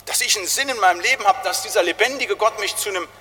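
Bright-voiced man preaching in a church hall. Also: sits high, rapid-fire. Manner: preaching with tag questions, rising to emphatic calls. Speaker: pastor. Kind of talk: sermon. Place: large church. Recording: long church reverb.

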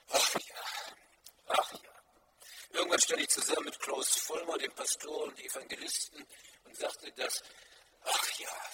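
Emphatic male preacher, very lively pitch. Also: creaky, noisy background. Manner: emphatic, rhetorical repetition. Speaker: pastor. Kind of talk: sermon. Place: church.

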